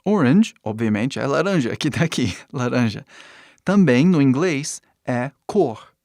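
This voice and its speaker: Slow, patient male language teacher. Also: mid-range voice, animated, a little mellow, no room sound, clean studio sound. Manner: patient, repeats words slowly and adds little checks of understanding. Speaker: English teacher. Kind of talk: vocabulary lesson explaining words and pronunciation.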